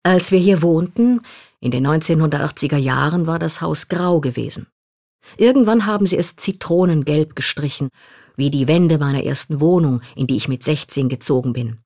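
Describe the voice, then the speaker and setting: A woman reading a first-person memoir aloud in a calm, reflective manner. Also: deep voice, normal speed, no echo, studio quality. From Poland. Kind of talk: scripted literary narration.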